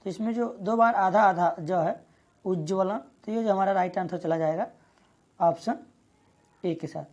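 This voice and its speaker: A woman teaches an exam prep lesson, reading each question and its options aloud before walking through the answer. Her voice is mellow and somewhat breathy, and her delivery stays steady and methodical. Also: mid-range voice, unhurried, lo-fi sound.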